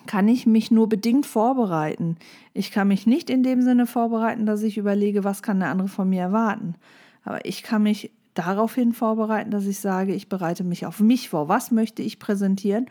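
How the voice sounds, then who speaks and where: A woman coaching job applicants in a direct, lively way, speaking straight to the listener. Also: medium pitch. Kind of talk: coaching monologue with tips.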